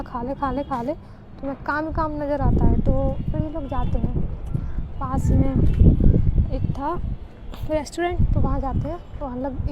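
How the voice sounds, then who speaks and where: Woman, high voice, casual chatty storyteller, noisy background; fillers, retold dialogue.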